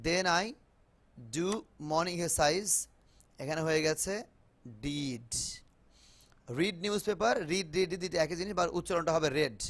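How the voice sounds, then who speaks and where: Man, Bengali accent, unhurried, slightly high voice, online English lesson, video call. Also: a bit bright. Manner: mixes Bengali and English, repeats words slowly for students. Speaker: English teacher. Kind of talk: online spoken English class.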